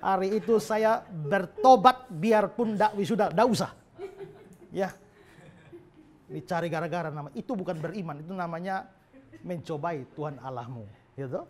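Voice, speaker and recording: A man's voice: high voice, normal speed. A male pastor preaching a sermon in a humorous storytelling manner.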